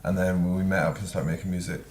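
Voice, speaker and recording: A Scottish man from Edinburgh, a guest musician chatting on a podcast in an earnest, animated way. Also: low-pitched, fast talker. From Scotland. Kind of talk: casual chat. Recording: echoey room with faint noise.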